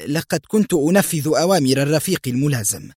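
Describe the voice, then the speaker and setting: A man's voice: mid-range voice, big pitch swings, quick pace, dry recording, clean studio sound, close to an everyday voice. A man voicing a cruel woman interrogator who talks in a strained, defensive way. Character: cruel female prison interrogator, nervous before superior. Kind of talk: audiobook character voice.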